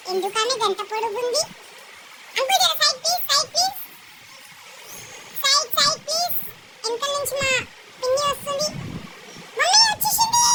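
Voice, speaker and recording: Young girl, very high voice, bossy and excited chatter, loud noise behind. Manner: excited, bossy, whispering secrets. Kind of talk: playful chatty vlog narration.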